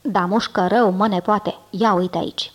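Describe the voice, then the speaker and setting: A woman voicing an old male zmeu monster, a gruff fond uncle who talks in a folksy, drawling, scolding way, in an audiobook reading. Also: medium pitch, fairly even intonation, natural voice. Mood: wistful.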